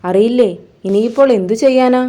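A kindly moon uncle from a children's storybook, affectionate and gently teasing, as a woman puts him on. The voice is warm and mellow. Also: on the high side, fairly quick, lightly acted.

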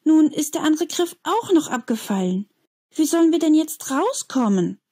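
A woman's voice: sits high, very animated, moderate pace, mellow, pitched above the performer's own voice. A woman voicing an earnest young schoolboy who pleads and believes in storybook scenes. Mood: anxious.

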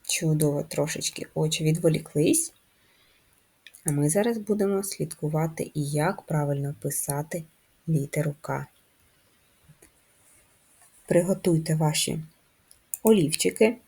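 A woman teaching a first-grade class how to write a letter, breaking words into sounds slowly and clearly. Her voice sits a little low and sounds mellow and soft-edged, with a faint huskiness. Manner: slow, clear syllable-by-syllable explanations. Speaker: primary school teacher. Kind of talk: first-grade handwriting lesson.

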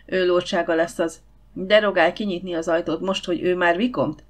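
A woman's voice: lowish voice, fairly even intonation, natural voice. A woman voicing a bossy, outspoken older housekeeper in an audiobook, talking bluntly and grumbling.

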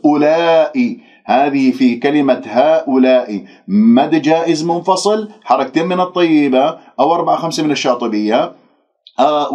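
A male recitation teacher who corrects pronunciation, drawing out single syllables slowly and then explaining the rules briskly. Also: a little high, darkish tone. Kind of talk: pronunciation lesson. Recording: dull lo-fi recording.

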